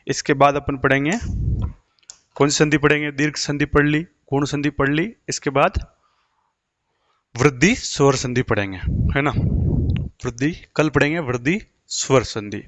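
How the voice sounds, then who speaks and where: A man's voice: mid-range voice, fairly even intonation, normal speed, pauses often, a bit bright, no echo. A man teaching an exam-prep grammar lesson, asking questions and answering them himself.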